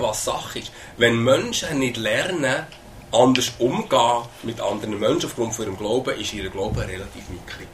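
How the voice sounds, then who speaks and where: A man's voice: medium pitch, a bit bright, slight background noise. Earnest Swiss German preacher, a man. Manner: earnest, repeats words, asks "oder?". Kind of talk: sermon.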